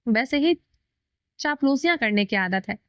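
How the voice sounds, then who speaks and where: A woman's voice: fairly high pitch, lively intonation, moderate pace, a bit bright, clear, resonant tone, no room sound. A woman voicing a cheeky young son who talks with mock seriousness. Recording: dull lo-fi dry recording.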